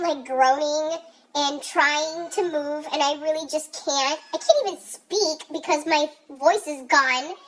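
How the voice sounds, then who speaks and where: A woman's voice: high-pitched, bright, forceful tone, poor audio. A young woman with a congested, blocked-nose sound, telling a story casually in exasperated, sweary, emphatic slang.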